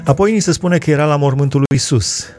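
A man reading Bible passages aloud and explaining them in a measured way, citing chapter and verse. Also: on the high side, over loud music. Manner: measured reading with scripture references. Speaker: Bible teacher.

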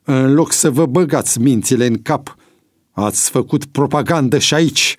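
A man's voice: mid-range voice, no room sound, studio quality, pitched above the performer's own voice, lightly acted. A man voicing a severe male prison commandant who scolds prisoners sternly. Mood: stern scolding.

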